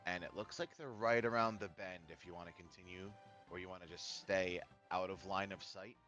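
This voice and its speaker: Bright-voiced man running a tabletop game. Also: low-pitched, fairly even intonation, brisk, dull audio, faint music behind. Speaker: game master. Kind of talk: casual tabletop game narration.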